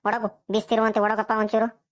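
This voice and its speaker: A woman's voice: medium pitch, completely flat delivery, brisk, close to an everyday voice. A woman voicing a fussy, worried old village grandmother. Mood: fussing. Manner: coaxing, worried.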